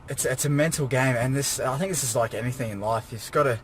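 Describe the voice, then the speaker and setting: Man, exhausted, mid-pitched voice, weary rambling vlog talk, faint car noise. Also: quick pace. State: exhausted, drained after a workout. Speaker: fitness vlogger preparing for a bodybuilding show. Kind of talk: casual personal rant to camera. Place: inside a car. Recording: noisy car interior, vehicle ambience.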